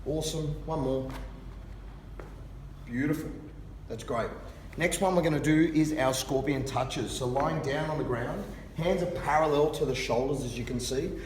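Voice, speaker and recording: Male fitness coach, careful and unhurried, encouraging instructional delivery, recorded from a distance in a noisy, reverberant hall. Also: fairly high pitch, darkish tone. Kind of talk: instructional exercise demonstration with coaching cues. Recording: distant mic, reverberant hall, background noise.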